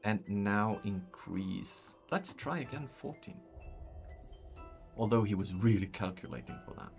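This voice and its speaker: Chatting casually on his live stream, a young Austrian native German speaker builds a map at his desk in a small indoor room, his Austrian accent clear. He has a gravelly, lowish voice with lively intonation and an unhurried pace, thinking aloud through many ums and restarts. Faint music plays and the recording sounds slightly dull.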